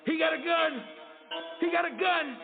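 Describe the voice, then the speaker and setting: A man's voice: very high-pitched, normal speed. A man voicing a police officer calling out shots fired over a police radio, in terse, clipped call-outs. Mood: urgent. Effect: police radio dispatch. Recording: tinny lo-fi radio sound over loud music.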